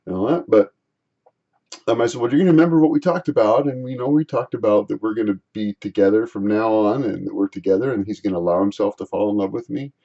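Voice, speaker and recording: Man, vlogger, gravelly voice, dark mellow tone, halting rambling story. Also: fairly low pitch, lo-fi sound. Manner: halting, repeats and restarts phrases.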